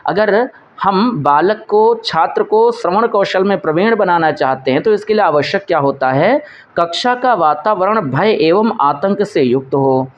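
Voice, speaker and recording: A man's voice: high voice, expressive, a little slow, muffled recording. A male teacher going through exam quiz questions, posing each question and answering it himself while repeating the key points.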